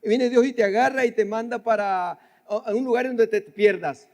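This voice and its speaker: A man's voice: very high voice, normal speed, a little mellow, big-room sound. An older man preaching a sermon, talking to the congregation directly and often repeating his phrases. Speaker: pastor. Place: church sanctuary.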